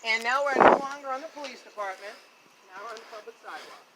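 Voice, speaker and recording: Auditor type, man with a high voice, confrontational, recorded outside on a phone with heavy noise. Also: expressive, fast talker. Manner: loud, confrontational and lecturing. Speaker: first amendment auditor. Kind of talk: filming a confrontation with police. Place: outdoors at a police station.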